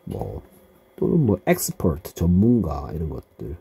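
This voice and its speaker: A man's voice: low-pitched, wildly swooping pitch, unhurried, vocal fry, dark tone, husky. A man teaching English vocabulary to middle school students, patiently explaining and repeating each word with its meaning. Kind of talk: vocabulary lesson.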